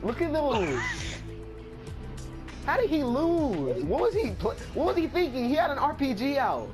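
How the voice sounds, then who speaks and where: Excitable young bro with swooping pitch. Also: male voice, unhurried. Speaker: video commentator. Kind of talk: casual joking commentary over a friend's game. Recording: music behind the voice.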